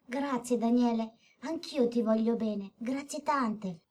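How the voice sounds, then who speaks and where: A woman voicing a gentle, caring young girl in a children's audio story. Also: on the high side, slow. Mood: tender.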